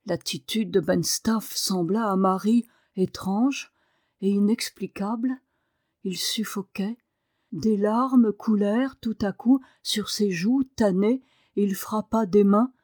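A woman narrating a novel aloud in an expressive reading voice. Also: mid-range voice, slow, no echo, clean studio sound. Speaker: audiobook narrator. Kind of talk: scripted narration.

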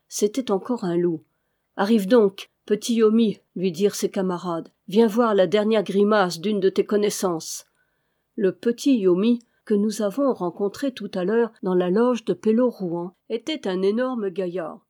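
A woman narrating a classic adventure novel aloud in a measured, expressive way. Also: medium pitch. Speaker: audiobook reader.

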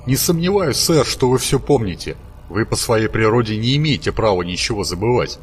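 A man's voice: on the low side, expressive, fairly quick, a little hiss or hum, natural voice. A man voicing a fussy, deferential archangel servant who keeps answering his master politely in a lifted voice. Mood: dutiful. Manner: polite, dutiful, calls his master sir.

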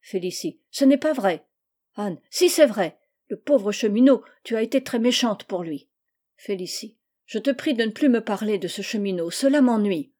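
A woman's voice: medium pitch, animated, normal speed, dark tone. A woman reads a children's novel aloud. She raises her voice for the children's lines and drops it for names and narration. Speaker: reader. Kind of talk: reading a children's novel aloud, voicing dialogue.

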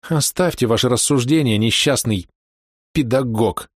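A man voicing an excitable, passionate middle-aged woman who scolds and pleads with reproach. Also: medium pitch, measured pace, no echo, studio quality, pitched above the performer's own voice, lightly acted. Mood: scornful.

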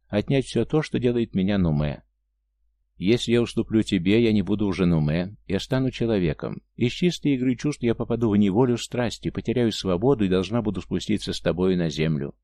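A man's voice: fairly low pitch, lively intonation, brisk, dark tone, no room sound. A man reading an audiobook voices a proud, tender Martian woman, pleading earnestly with her raised tone. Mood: sorrowful.

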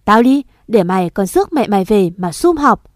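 A woman voicing a spiteful, scheming stepmother in an audio story, hurling fast, loud accusations. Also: mid-range voice, big pitch swings, dry recording, studio quality, natural voice. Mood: spiteful accusing.

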